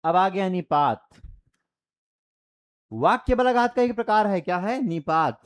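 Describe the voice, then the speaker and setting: A man with a fairly high, very lively voice teaches an exam-prep grammar lecture. He keeps repeating his examples and throws quick questions back at the class. His delivery swings widely up and down as he drills each point. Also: clear, resonant tone. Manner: explains by repeating and quizzing students.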